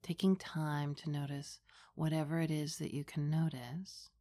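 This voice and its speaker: Slow, low-voiced woman guiding meditation. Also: steady tone. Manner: soothing, unhurried, gentle delivery. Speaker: meditation guide and hypnotherapist. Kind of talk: guided meditation.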